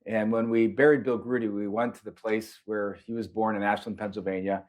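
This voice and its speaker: A middle-aged man with a somewhat low voice tells stories from his parish at a panel. He speaks anecdotally and turns animated when he quotes the people in his stories. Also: brisk. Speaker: priest and panelist. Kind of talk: storytelling talk.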